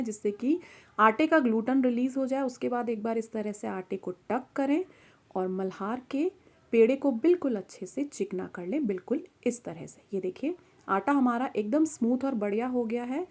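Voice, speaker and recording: A woman with a fairly high voice guides viewers through a recipe one step at a time. Her tone is friendly and instructional, as in a cooking-show voice-over. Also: darkish tone.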